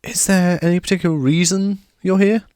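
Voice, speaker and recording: A man voicing a polite, awkward young wizard boy who talks in a hushed, flustered way. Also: high-pitched, steady tone, fairly quick, dry recording, clean studio sound, pitched above the performer's own voice, lightly acted.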